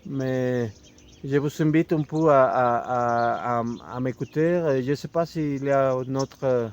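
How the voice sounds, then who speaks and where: A man with a Mexican Spanish accent, a native Spanish speaker, talks slowly and unscripted to camera in French. His voice sits at an ordinary middle pitch, and he halts again and again to find his words, restarting half-built phrases. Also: fairly even intonation, darkish tone, clear, resonant tone. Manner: halting, searching for French words with many restarts. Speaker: video host presenting a book. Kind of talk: unscripted casual talk to camera.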